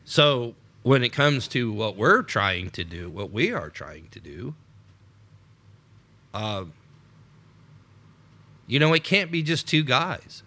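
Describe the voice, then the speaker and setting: A man's voice: medium pitch, very animated, takes it slowly, pauses often, sharp tone. An American man co-hosting an unscripted political podcast, rambling with many repeated starts and laughs. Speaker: podcast co-host.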